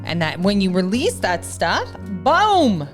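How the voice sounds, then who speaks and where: A woman co-hosting a podcast, talking in an animated, enthusiastic casual chat. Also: mid-range voice, slow pace, music in the background. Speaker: podcast co-host.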